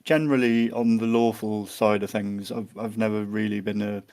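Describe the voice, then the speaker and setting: A man's voice: on the low side, level tone, moderate pace, darkish tone. A man answering interview questions in a hesitant way, with many fillers and restarts. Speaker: guest.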